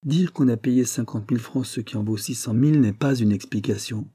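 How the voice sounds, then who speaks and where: A man's voice: mid-range voice, a little fast, mellow, husky, close to an everyday voice. A man reading a stern, cold magistrate. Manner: severe, cold questioning.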